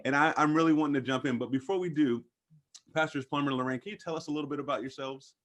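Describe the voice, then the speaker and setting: A man's voice: on the high side, very fast, a bit bright. Upbeat man hosting a video interview. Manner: upbeat and encouraging. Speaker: host. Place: room at home, indoors. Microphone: webcam on a video call.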